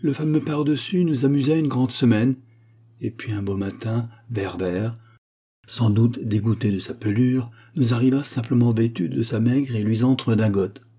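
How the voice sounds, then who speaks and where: Reading a literary audiobook, this male narrator uses a medium-pitched, husky voice and tells the story in an expressive yet measured manner.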